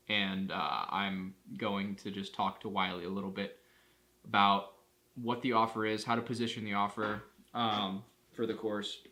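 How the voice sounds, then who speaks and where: A man with a somewhat low voice talks casually to camera about running his business. He thinks out loud, restarts sentences, and strings his thoughts together loosely. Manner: rambling, thinking aloud with restarts. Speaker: marketing agency owner. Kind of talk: casual day-in-the-life vlog.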